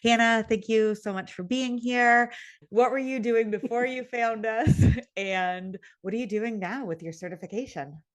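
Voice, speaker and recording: A woman's voice: a little high, normal speed. A woman hosting a channel interview as a program director, upbeat and enthusiastic as she introduces and questions her guest.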